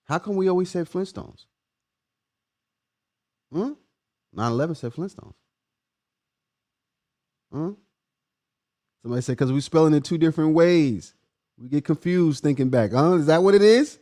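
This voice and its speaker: A man with a fairly high, lively voice hosts a casual live stream, speaking at normal speed with frequent pauses. He playfully teases and quizzes his viewers, laughing often and swinging between loud and hushed.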